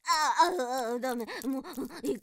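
A woman voicing a defiant, foul-mouthed captive young woman in an adult audio drama, talking rough and coarse, with stammers and panting between words. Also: sits high, animated, slow, pushed and bright, no echo, exaggerated voice. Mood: flustered, panting. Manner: rough, coarse street talk, snarling threats.

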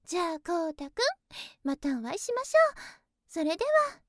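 A woman's voice: very high voice, big pitch swings, normal speed, fairly bright tone, dry recording, clean studio sound, heavily acted. A woman voicing a naive, sheltered young woman who speaks in very polite, airy, innocent formal speech, in a one-sided voice drama. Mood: earnest, gushing.

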